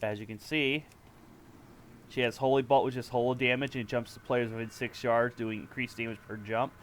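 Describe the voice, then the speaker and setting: A man's voice: medium pitch, steady tone, normal speed, a little hiss or hum. A man giving casual walkthrough commentary on a video game. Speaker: gamer making a walkthrough.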